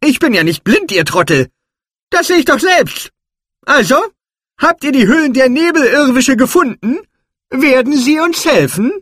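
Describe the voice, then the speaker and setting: Guy doing a pompous goblin king, higher voice, swings up and down a lot, dry sound. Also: very animated, normal speed, fairly bright tone, dry recording, heavily acted. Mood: irritated. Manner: boastful, haughty, snappish. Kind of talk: storybook reading.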